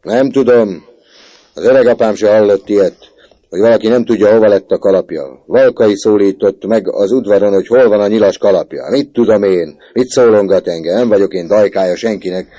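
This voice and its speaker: A man voicing a gruff, stern dormitory prefect who scolds loudly. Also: deep voice, voice pushed up, close to an everyday voice. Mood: scolding. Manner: scolding, loud and sharp.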